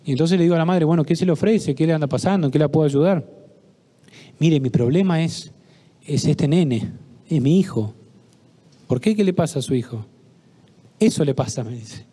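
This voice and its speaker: A middle-aged Argentine psychologist giving a talk at a parish, telling stories, acting out the dialogue and asking the audience questions. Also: male voice, on the high side, normal speed, pauses often, warm tone. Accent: Argentine Spanish. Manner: storytelling, acts out dialogue, asks audience questions. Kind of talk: conference talk with anecdotes. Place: parish hall.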